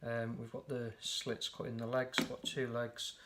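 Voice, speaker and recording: In a noisy home video, a man with a croaky, hoarse voice presents a recipe step by step at normal speed. His voice is mid-range, and his easygoing, chatty delivery is full of mid-sentence self-corrections.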